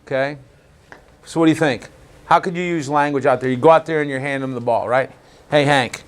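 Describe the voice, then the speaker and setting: A man's voice: mid-range voice, fast talker. A man teaching an umpire clinic in a meeting room, questioning the group and acting out how to talk to players. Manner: Socratic, keeps asking the group questions; animated, acts out exchanges with players. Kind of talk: interactive teaching session.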